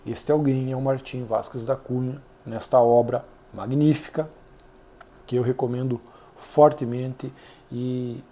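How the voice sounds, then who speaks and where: A Brazilian man hosting a channel, giving earnest, measured solo commentary with frequent hesitations. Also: mid-range voice, dark tone. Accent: Brazilian Portuguese. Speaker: channel host reviewing an essay.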